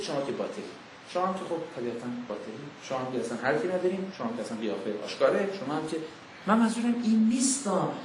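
A man preaching a sermon to a young audience, emphatic and full of rhetorical questions, slowly intoning scripture verses in between. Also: high-pitched, a little hiss or hum. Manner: emphatic, rhetorical questions, acts out mock dialogues. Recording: very echoey room.

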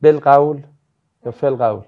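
A man's voice: medium pitch, phone-quality sound. A man teaching a religious ethics class, lecturing casually and acting out anecdotes with jokes. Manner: lively, jokey, acts out anecdotes.

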